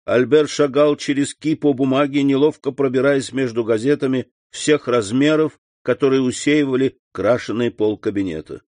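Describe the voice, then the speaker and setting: A man narrating a classic novel as an audiobook in an even, measured reading. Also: medium pitch, no echo. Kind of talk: scripted narration.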